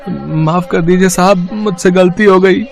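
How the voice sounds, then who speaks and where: A man's voice: fairly high pitch, steady tone, unhurried, soft background music, lightly acted. A man voicing a poor, humble father who sells chickpeas, in a meek, pleading and sorrowful manner, in a cartoon story.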